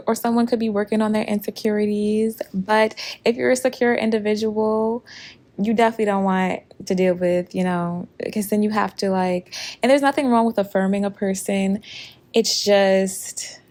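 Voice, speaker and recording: A woman giving a casual intuitive reading to her viewers, chatty and quick to laugh, sometimes breaking into song lyrics. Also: medium pitch, darkish tone. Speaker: tarot reader.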